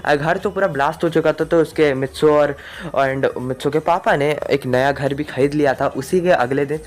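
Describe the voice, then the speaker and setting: A man's voice: on the high side, normal speed. Hesitant young man telling a story. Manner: hesitant, filler-heavy, talks to viewers as guys. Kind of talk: casual storytelling.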